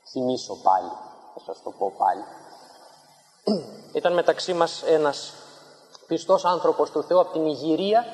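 Greek-speaking preacher guy, high lively voice, big echoey church hall, acts out the quotes. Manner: dramatic, acting out quoted lines loudly. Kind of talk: sermon with storytelling.

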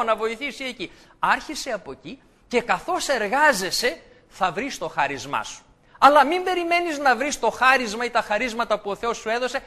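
A man's voice: extremely high pitch, sharp tone. A man preaching a sermon, explaining scripture and asking his listeners rhetorical questions.

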